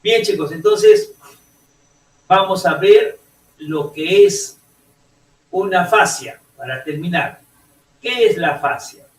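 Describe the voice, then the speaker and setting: Slow, halting male teacher in echoey classroom. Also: high-pitched, lively intonation. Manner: halting, often restarts and asks "¿Ok?". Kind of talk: classroom lecture. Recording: roomy classroom audio, mic far off.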